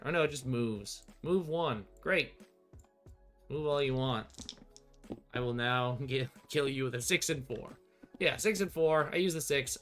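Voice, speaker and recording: In a small room with bookshelves, a middle-aged man thinks aloud through a solo tabletop game, offering relaxed, dry-humored play-through commentary. His voice is medium in pitch and a bit bright.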